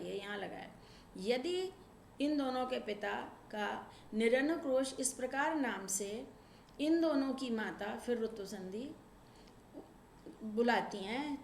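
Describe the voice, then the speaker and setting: Woman, Sanskrit teacher, slow verse reading then explanation, raised pitch, faint background hiss. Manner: reads Sanskrit lines slowly, then explains them in Hindi. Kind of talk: explaining a textbook lesson line by line. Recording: echoey room with faint ambient noise.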